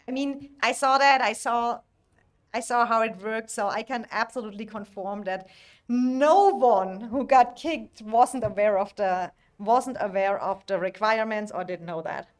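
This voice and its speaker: Female game streamer, non-native English speaker, casual and explanatory, feeling for words as if translating mentally. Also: a little high. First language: not English. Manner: halting, searching for words as if translating in head, non-native phrasing. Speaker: livestream host and alliance member. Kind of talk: casual livestream chat about a strategy game.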